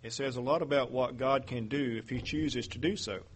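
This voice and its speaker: A man giving a Bible teaching sermon in a measured way, reading verses aloud and asking rhetorical questions. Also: medium pitch, a little hiss or hum. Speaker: preacher.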